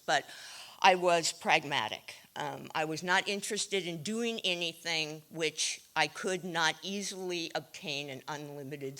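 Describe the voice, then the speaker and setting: A woman telling her own recovery story to a meeting, wry and self-deprecating, with frequent pauses and ums. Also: sits low, sharp tone. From California. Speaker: AA speaker sharing her story. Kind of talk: recovery share, candid storytelling.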